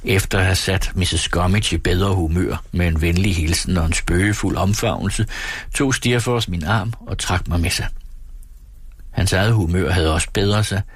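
Husky man narrating a classic novel. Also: sits low, no room sound. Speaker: audiobook narrator. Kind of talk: first-person literary narration.

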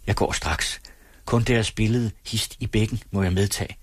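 A lovestruck, half-drunk young man pours out theatrical declarations in a storybook reading, voiced by a male narrator. The voice sits low and husky, and the words come slowly. The recording is dry and close. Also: fairly even intonation, no room sound. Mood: rapturous. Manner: rapturous, theatrical, jealous outbursts.

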